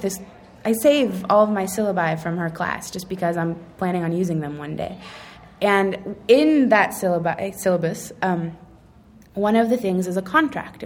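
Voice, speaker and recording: A young woman telling a casual personal story about her schooling, rambling and correcting herself with frequent ums. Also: mid-range voice. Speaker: speaker recounting her schooling.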